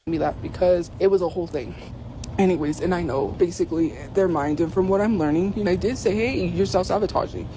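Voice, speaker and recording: High-voiced man rambling outdoors. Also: a little fast, mellow, a little hiss or hum, low-quality recording. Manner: emotional, rambling, many fillers. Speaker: streamer telling a personal story. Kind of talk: casual rambling storytelling.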